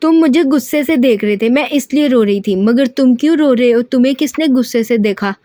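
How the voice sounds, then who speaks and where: A woman's voice: fairly high pitch, normal speed, darkish tone, no echo, studio quality, close to an everyday voice. A woman voicing a sulky, childlike young woman who throws tantrums, in a whiny, pouting way. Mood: puzzled.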